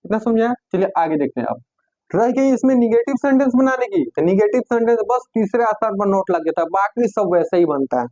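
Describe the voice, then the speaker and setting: A male teacher with a Hindi accent explains grammar in a fairly high voice, slowing down to dictate sentences and spell out words. The room is dry, and the close mic picks up no echo. His delivery is patient and methodical. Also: expressive, mellow. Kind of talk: classroom lesson.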